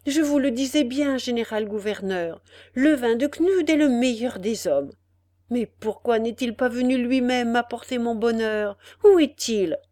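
A woman's voice: on the high side, measured pace, warm tone, no echo, clean studio sound, pitched above the performer's own voice, lightly acted. Woman reading a grave old captive nobleman. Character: old nobleman prisoner, weary, repentant.

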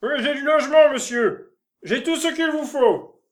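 A man doing a loud, greedy innkeeper. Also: very high-pitched, expressive, a little slow. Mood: fawning. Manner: shouting, fawning then indignant. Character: loud greedy pushy male village innkeeper. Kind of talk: audiobook character reading.

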